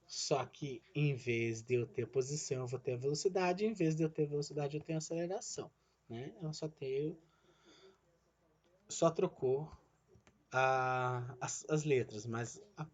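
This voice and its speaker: A man's voice: a little high, a little mellow. A man with a slightly raised voice walks his students through a lesson one step at a time, often checking in with short questions. He talks about himself as the teacher. The sound is dull and lo-fi, like a simple home lesson recording. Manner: explains step by step, asks "né?" and "certo?" after each point; calls himself "the teacher" in the third person. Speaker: physics teacher. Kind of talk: recorded online lesson at a drawing screen.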